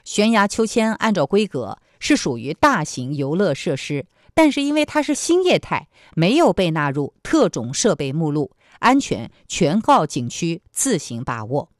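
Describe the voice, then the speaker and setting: A woman's voice: fairly low pitch, very animated, normal speed, hardly any pauses, no echo, clean studio sound. A woman working as a radio presenter, reading scripted news and commentary.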